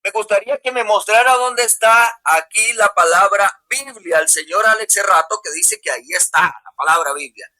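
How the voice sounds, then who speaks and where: Bright, high-voiced halting pastor. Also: male voice, poor audio. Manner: halting, fumbles with his camera and restarts words. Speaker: pastor in a debate. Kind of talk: online religious debate. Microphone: video call.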